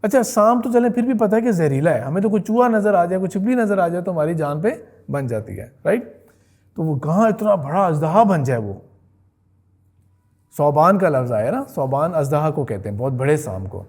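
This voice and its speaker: A man lectures on religious history in a relaxed, talkative way. His voice sits a little high for a man. He often pauses to check that his listeners follow him and drops English words into his talk.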